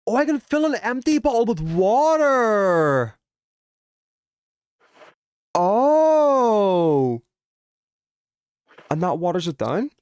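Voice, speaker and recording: A man with a high, sing-song voice draws out his words and leaves long pauses, his tone darkish and clean with no echo. He's live streaming a video game, chatting casually and informally thinking aloud as he solves puzzles.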